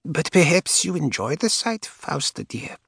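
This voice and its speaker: A man voicing a spiteful, scheming old woman, speaking slowly in a cold, dry, sibilant tone with sweet venom. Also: a little high, big pitch swings, vocal fry, a bit bright, breathy edge, no room sound, voice pushed up, exaggerated voice. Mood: mocking. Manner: slow, mocking, sweetly venomous. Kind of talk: audiobook character voice.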